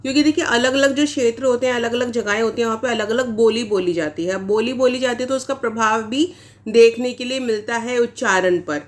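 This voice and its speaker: A woman's voice: a little high, brisk. A woman teacher giving an exam-prep lecture, explaining points step by step and asking rhetorical questions as she goes. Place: online class recording.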